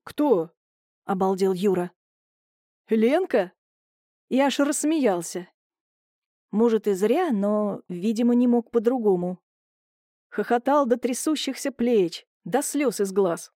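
A woman reads audiobook narration at a steady, even pace. Her voice is mellow and dark in tone, and the recording is dry with no room sound. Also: mid-range voice, a little slow, dry recording. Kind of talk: scripted narration.

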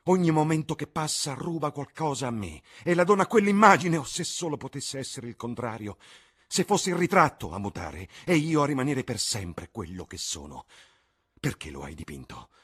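A man's voice: mid-range voice, big pitch swings, moderate pace, fairly bright tone, slightly rough, voice pushed up. A man voicing a vain, desperate young man terrified of growing old, speaking in a strained, impassioned way. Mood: anguished.

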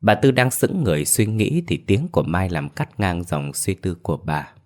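Deep-voiced male storyteller. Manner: calm, measured storytelling. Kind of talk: scripted ghost story narration.

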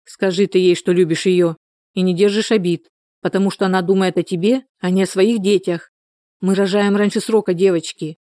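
A woman doing a bossy, calm birth helper. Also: medium pitch, moderate pace, dry recording, clean studio sound, close to an everyday voice. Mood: scolding. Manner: firm, instructive. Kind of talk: audiobook character voice.

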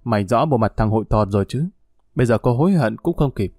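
A man's voice: medium pitch, lively intonation, fast, a little mellow, no echo, clean studio sound, soft background music. A man playing a cruel male pimp who speaks in a harsh, threatening, contemptuous way. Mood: menacing. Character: brutal male pimp, cold and menacing.

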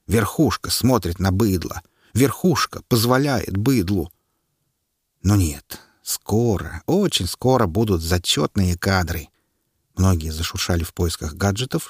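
A man's voice: lowish voice, breathy edge, no room sound, studio quality. A man narrating an audiobook expressively and voicing all of its figures. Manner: expressive reading, playing every figure.

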